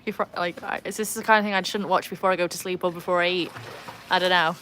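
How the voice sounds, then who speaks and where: Here the young Welsh host sounds fairly low and steady, talking quickly with a slightly bright tone over a faint hiss or hum. Her accent mixes Welsh and English as she chats casually on an outdoor livestream by a pool, reading comments aloud and laughing often.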